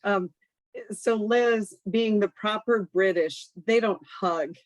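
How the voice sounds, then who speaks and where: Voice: mid-range voice, takes it slowly, dry recording. A friend from California sharing a tribute on a video call, chatty and effusive, tripping over words. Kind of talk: remembrance storytelling.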